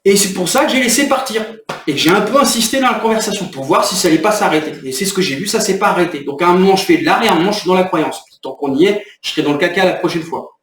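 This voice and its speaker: A man's voice: sits high, lively intonation, quick pace, a bit bright, distant mic, a little hiss or hum. A man talking to camera in an irritated, rambling way, explaining his next video and venting. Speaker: video creator. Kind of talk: agitated talking-to-camera vlog. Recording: echoey room, off mic.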